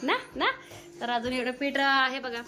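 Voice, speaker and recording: A woman with a rural Maharashtrian Marathi accent narrates a casual family vlog at home, chatting and giving instructions to her children and family. Her voice sits high, with fairly even intonation and a slightly slow pace. The home recording is clear, with background noise and music behind her.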